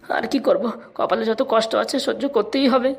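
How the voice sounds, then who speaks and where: A woman's voice: fairly high pitch, a little fast, creaky, husky. A woman voicing a meek, weepy old father in a family cartoon, speaking in a whiny, pleading manner. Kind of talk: cartoon voice acting.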